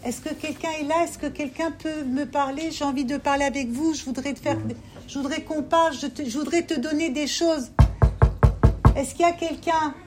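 A woman's voice: extremely high pitch, flat delivery, a little fast, few pauses, over music, voice pushed up. A woman voicing God as a lonely, grieving male figure calling out to sleepers in a sermon. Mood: plaintive. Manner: plaintive, calling out.

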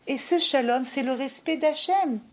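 A woman with a high voice gives an informal religious talk, speaking straight to her listener. She jumps between loud, emphatic bursts and low, soft asides. She keeps checking that the listener understands. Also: a little slow. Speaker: religious speaker giving advice.

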